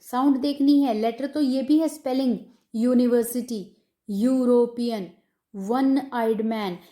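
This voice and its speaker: A woman teacher with an Indian English accent, talking at an unhurried, deliberate pace as she works through grammar rules. Her voice is fairly high but mellow, and the room around her echoes. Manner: explains slowly in mixed Hindi and English, reading English rules aloud. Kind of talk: classroom grammar lesson.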